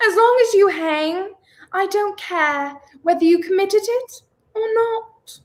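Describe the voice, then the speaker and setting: A woman's voice: extremely high pitch, takes it slowly. A young woman playing a feisty, prim heroine in a 1930s radio play, speaking emphatically. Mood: indignant. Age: young adult. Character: feisty, indignant young woman, handcuffed unwilling companion. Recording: roomy, echoing home recording.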